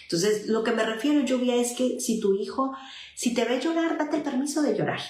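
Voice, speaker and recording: The speaker is a woman psychologist who advises parents on a livestream and replies to viewer messages. Her voice is fairly high with a darkish tone, her pace is normal, and there's a little hiss or hum plus echo from the room. She uses fillers and restarts frequently.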